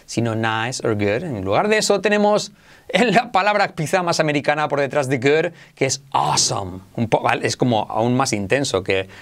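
A man with a Spain Spanish accent teaching English in an online lesson, enthusiastic and self-described as exaggerated, drilling words slowly for the listener to repeat. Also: on the high side, lively intonation.

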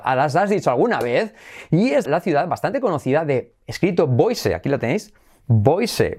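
A fairly high-pitched, darkish voice belongs to this English pronunciation teacher from Spain, who has a Spanish accent. In his bilingual lesson he plays around, repeating words with exaggerated emphasis.

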